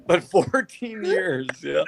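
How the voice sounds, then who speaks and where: A man's voice: high voice, expressive, takes it slowly, gravelly, crowd noise. A man hosting a podcast, telling a story in casual chat and laughing often. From Canada. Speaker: podcast host.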